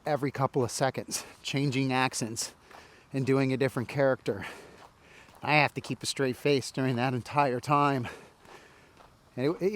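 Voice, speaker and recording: A man from Indianapolis, rambling casually in a walk-and-talk vlog while strolling outdoors in a large park. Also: medium pitch. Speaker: vlogger.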